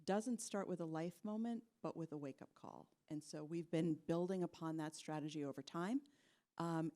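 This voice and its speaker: A woman speaking as a marketing executive on a conference panel, chatty and relaxed, with fillers and light laughs. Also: deep voice. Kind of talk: conversational panel answers. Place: conference stage with audience.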